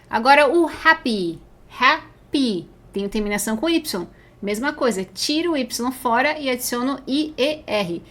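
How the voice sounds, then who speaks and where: A Brazilian woman with a high voice teaches a beginner English lesson, and Portuguese is her first language. She explains each grammar rule patiently. She slows right down to draw out each English example word. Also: fairly bright tone.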